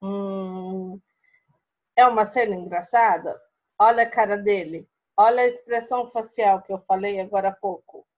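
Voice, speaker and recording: A Brazilian woman teaching a primary school class in a recorded online lesson, patient and expressive, often checking in with her students. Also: medium pitch, moderate pace, highs cut off. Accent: Brazilian Portuguese.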